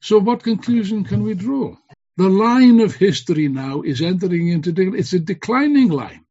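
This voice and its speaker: A man's voice: sits high, lively intonation, normal speed, mellow, husky, dull audio. A man giving a fiery revolutionary political speech, emphatic, with rhetorical questions and phrases repeated for weight. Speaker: political speaker at an online school.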